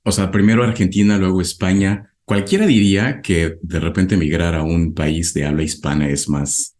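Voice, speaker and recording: A man from Mexico co-hosts a podcast and interviews a guest with calm, measured framing. His voice is very low and dark, with a warm, mellow tone. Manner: measured, leads with framing questions. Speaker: podcast co-host.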